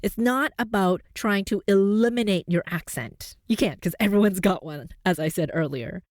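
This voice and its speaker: In a dry, studio-quality recording, an upbeat Canadian woman with a neutral North American accent speaks at a moderate pace. As a podcast host and voice coach giving a scripted monologue, she sounds encouraging and uses big pitch jumps to stress points.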